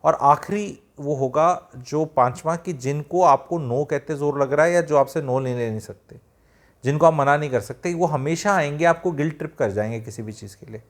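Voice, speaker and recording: A man's voice: on the high side, normal speed. Plain-spoken man giving life advice. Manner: direct, plain-spoken, addresses listeners as friends. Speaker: self-help speaker. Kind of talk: advice talk to viewers.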